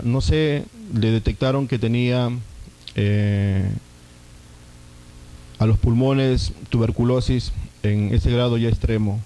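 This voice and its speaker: A man's voice: medium pitch, mellow, low-quality recording. A man, a pastor, preaching a sermon and telling a personal testimony, often calling his listeners brothers.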